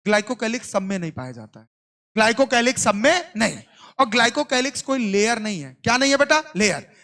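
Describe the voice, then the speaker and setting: A man's voice: extremely high pitch, very animated, a little fast, bright, forceful tone. A man teaching a coaching class, keeps firing questions and repeating answers, teasing and scolding sleepy students. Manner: call-and-response questioning; playful scolding. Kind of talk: classroom lecture.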